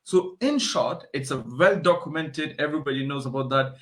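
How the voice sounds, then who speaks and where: A man's voice: a little high, a little fast. Man explaining at length. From Afghanistan. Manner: explanatory, storytelling, with frequent restarts. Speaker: guest. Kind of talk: casual interview.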